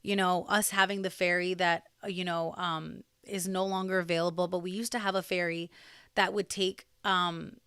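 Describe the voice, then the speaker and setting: A woman's voice: on the low side, flat delivery, moderate pace, fairly bright tone, smooth, dry recording, studio quality. A young woman from New Jersey, chatting as a podcast guest with lots of fillers and restarts. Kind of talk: casual interview conversation.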